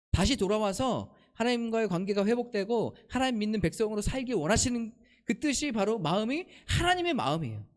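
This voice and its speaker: A man preaching a sermon, his voice sitting high and swinging widely as he tells stories. He keeps turning to the congregation with questions and acts out the lines of the people in his stories. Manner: storytelling, asks the congregation questions; acts out quoted family lines. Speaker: pastor.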